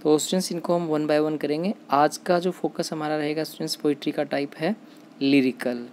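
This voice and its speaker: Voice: medium pitch, fairly even intonation, moderate pace, a little mellow, slight background noise. Indian-accented teacher drilling students. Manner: asks questions and answers them herself; repeats key terms, often calls out to students. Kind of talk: exam-prep lecture.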